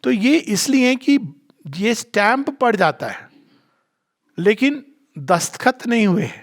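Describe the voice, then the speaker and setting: A middle-aged man with a fairly high voice answers questions in a spiritual discourse. He explains things earnestly and tells stories along the way. He moves freely between Hindi and English. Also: expressive, slow pace.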